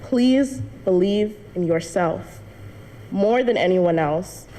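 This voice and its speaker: In a church hall with long reverb and faint background noise, a young student woman addresses the congregation with a heartfelt personal testimony, laughing lightly along the way. She takes her time, and her medium-pitched, dark voice has lively intonation.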